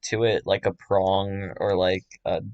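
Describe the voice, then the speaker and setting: Casual male artist host, low-pitched, jokey and self-deprecating. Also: flat delivery, unhurried, darkish tone, dry recording, muffled recording. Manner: joking, self-mocking, laughs often. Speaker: artist drawing on a stream. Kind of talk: casual chat while drawing.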